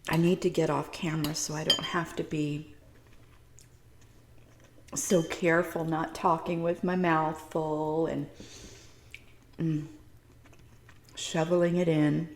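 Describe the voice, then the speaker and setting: A woman with a low voice chats casually between bites, savoring her food. Her voice carries a roomy kitchen echo, and dishes and cutlery clink behind her. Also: level tone, takes it slowly, long pauses. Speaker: vlogger. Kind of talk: casual chat while eating. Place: home kitchen.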